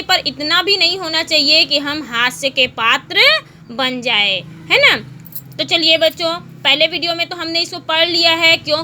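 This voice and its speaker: Teacher lady talking to kids, high pitched and really bright, asks then answers herself. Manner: patient, asks the children questions and answers them herself; repeats words slowly for pronunciation. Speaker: school teacher. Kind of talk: Hindi lesson for children.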